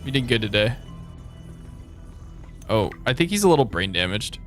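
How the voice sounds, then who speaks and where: A man giving casual live game commentary as a streamer, with playful, slangy, expressive reactions. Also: lowish voice, normal speed, soft background music.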